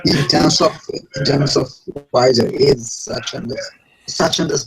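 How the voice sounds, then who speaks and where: A man's voice: medium pitch, a little slow, vocal fry, poor audio. A man in a casual online group chat, his call audio breaking up and dropping out as he restarts his phrases. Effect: glitchy breaking-up online call audio. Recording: choppy dropping-out call line with crowd noise.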